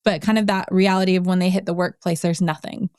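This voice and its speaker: A woman's voice: on the low side, steady tone, fast, darkish tone, smooth, no echo, studio quality. A middle-aged woman hosting a podcast interview, chatty and laughing often, with many restarts and fillers. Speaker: podcast host. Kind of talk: casual interview chat.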